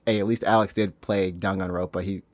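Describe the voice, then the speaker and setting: A young man hosting a casual podcast. He jokes, laughs often and now and then jumps into high silly voices. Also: flat delivery, fairly quick, no echo. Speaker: podcast host.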